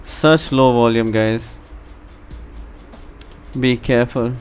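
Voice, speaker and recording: A man from India casually commenting on a live stream, chatting to his viewers in a relaxed way. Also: mid-range voice, takes it slowly, clean tone, soft background music. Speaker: live trading stream host.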